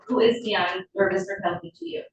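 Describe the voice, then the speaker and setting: A woman working as a prosecutor, addressing the court and questioning a witness in a formal, measured way, heard in a courtroom recording. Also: mid-range voice. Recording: echoey courtroom, distant mic, dull and noisy.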